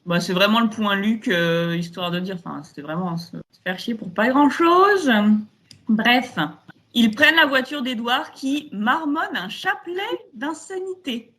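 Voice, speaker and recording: A woman's voice: fairly high pitch, animated, a little slow, a bit bright, husky. A woman co-hosting a casual podcast, retelling scenes animatedly with frequent fillers. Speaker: podcast co-host. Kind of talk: casual chat.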